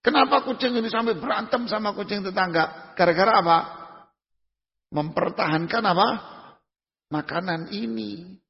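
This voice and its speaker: A man's voice: sits high, normal speed, gravelly, long pauses. A man giving a conversational religious lecture as a preacher, putting questions to the audience and answering them himself with everyday examples. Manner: uses everyday examples in casual speech. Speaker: Islamic preacher. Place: lecture hall. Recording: dull lo-fi recording in a reverberant hall.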